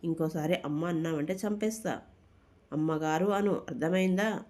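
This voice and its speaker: A storybook narrator voicing a cruel, violent young man who threatens harshly, in a mellow, dark voice. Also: mid-range voice, moderate pace, lightly acted. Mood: threatening. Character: cruel, violent young male thug, villain's son.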